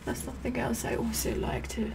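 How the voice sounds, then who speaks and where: A woman's voice: on the high side, little pitch movement, fairly quick, background noise. A middle-aged woman playing a sassy, vain, condescending Queen Elizabeth the First in a whispered ASMR roleplay, repeating her words imperiously. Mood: self-satisfied. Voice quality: breathy whispering mixed with soft speech.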